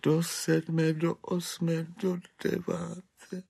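A man's voice: a little high, level tone, gravelly, a little mellow, breathy edge, voice pushed up. A desperate middle-aged clerk whines and pleads in a raised, strained voice that sounds pinched and unlike a plain speaking voice. He lurches between begging and self-pity, as a male narrator puts him on for a storybook reading. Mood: rambling confession. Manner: wailing, pleading, self-pitying.

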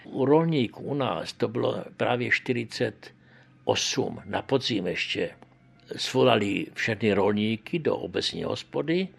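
A man's voice: on the low side, lively intonation, gravelly, breathy edge. An older man from Moravia telling his life story in a conversational way, often adding tag questions. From Moravia, Czech Republic. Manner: conversational, keeps adding tag questions, acts out quoted lines louder. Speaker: witness recounting his youth. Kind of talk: oral history storytelling.

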